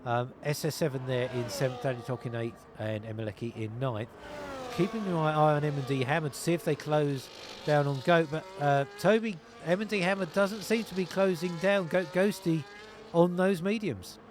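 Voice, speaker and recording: A man's voice: on the high side, moderate pace, noisy background. Man calling a sim race. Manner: steady play-by-play, calling positions and tyre strategy. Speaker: lead commentator. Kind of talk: sim racing commentary.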